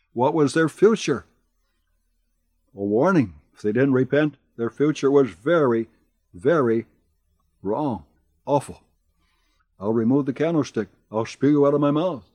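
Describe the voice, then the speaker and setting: Man preaching, earnest exhortation, slow emphatic pauses, dry close sound. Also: fairly high pitch, darkish tone, no room sound. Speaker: pastor. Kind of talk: radio sermon.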